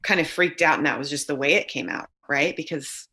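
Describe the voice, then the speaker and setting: Bright, deep-voiced woman host. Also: brisk. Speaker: podcast host. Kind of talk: casual interview chat.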